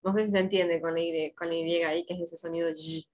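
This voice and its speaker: A woman's voice: lowish voice, flat delivery, a little mellow, rough recording. A woman with an Argentine accent teaching English online, patiently modeling words and coaching pronunciation. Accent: Argentine Spanish. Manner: patient, slow and encouraging, models words carefully.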